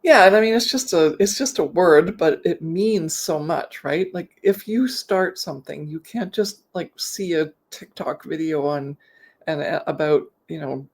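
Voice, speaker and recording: A middle-aged business coach with a low, darkish voice chats casually at a measured pace on a video call from her home office. She has a slight lisp from wearing a mouthguard, and she explains things through rambling examples, correcting herself as she goes.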